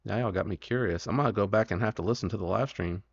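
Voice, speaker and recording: A man with a drawl chats casually as the host of a home livestream. His voice sits low, and he rambles, trailing off and starting over. The sound is muffled and lo-fi, like audio from a stream. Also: fast talker, gravelly. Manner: rambling, self-correcting and easygoing. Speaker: knife channel host.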